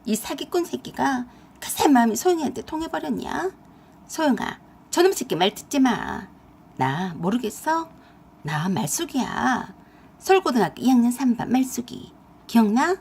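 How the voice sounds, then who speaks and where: Rival role: coquettish, mocking young woman, high and husky, played by a woman storyteller. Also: sing-song, normal speed, darkish tone, heavily acted. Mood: urgent.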